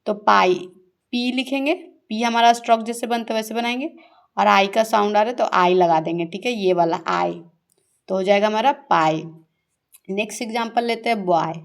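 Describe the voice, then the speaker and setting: A woman teaching a shorthand lesson. She asks her pupils questions, answers them herself, and repeats the key words slowly. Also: on the high side. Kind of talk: classroom-style shorthand lesson.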